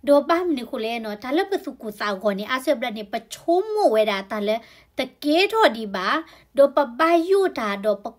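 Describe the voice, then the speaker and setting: A woman's voice: high-pitched, sing-song, moderate pace, darkish tone. A woman explaining health topics in a conversational way, often adding tag particles to her sentences. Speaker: health educator.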